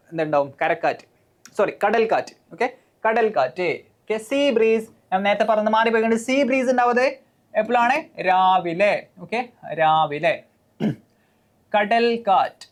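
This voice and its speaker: A woman teacher with a Malayali accent, coaching students for an exam, explaining step by step with frequent "okay" and questions to the class. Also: mid-range voice. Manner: mixes English terms into Malayalam.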